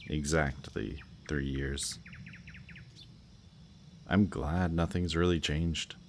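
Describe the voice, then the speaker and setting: Playing a smug, flirtatious villain who kidnaps with supernatural powers and feigns romance, a man speaks in an exaggerated, very deep, steady voice straight to the listener in a roleplay audio drama. He sounds wistful and coaxing, teasing slowly with soft menace. Night birds and crickets fill the background along with a little hiss or hum.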